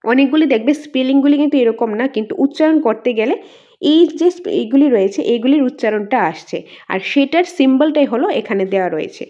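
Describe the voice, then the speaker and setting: A woman's voice: high voice, fast, warm tone, dull audio. A woman teacher with a Bengali accent gives an exam-prep lesson. She asks her students questions and then answers them herself. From northeast India.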